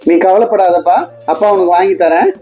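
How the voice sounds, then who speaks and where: A woman's voice: on the low side, a little fast, dark tone, close to an everyday voice. A woman playing a patient husband and adoptive father in a comedy skit, speaking in a soothing, coaxing way.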